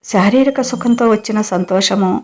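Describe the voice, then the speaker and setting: A woman storyteller reading a scripted story in an even, steady way. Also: medium pitch, normal speed. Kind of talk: scripted narration.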